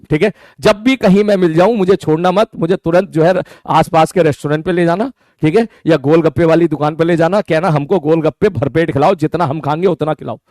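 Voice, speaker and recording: A man teaching an online class, bantering playfully. He repeats words in quick runs. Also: a little mellow, dry recording, studio quality. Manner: breaks into high mock voices when quoting students.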